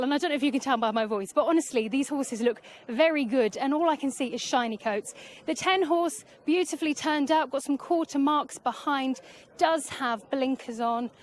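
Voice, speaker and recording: High-voiced woman reporting from the paddock. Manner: chatty, assessing horses as they pass. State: out of breath. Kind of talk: live horse racing paddock report. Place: outdoor parade ring at a racecourse.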